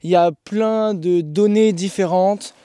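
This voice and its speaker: A man's voice: high voice, steady tone, measured pace, mellow, clean tone, no room sound, studio quality. A man who coaches endurance sport, explaining gear in a blunt, laughing, casual podcast chat.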